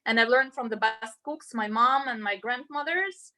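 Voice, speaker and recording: A home cook with a Russian accent leads an online cooking class from her kitchen, her voice fairly high-pitched and bright. She chats and explains at a moderate pace in a casual demo style, and the recording has a roomy, echoey home sound.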